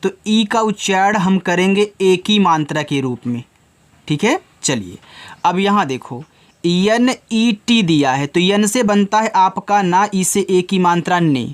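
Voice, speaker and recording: This English teacher, whose voice sits high, walks children through phonics slowly and patiently, spelling words letter by letter while calling them children.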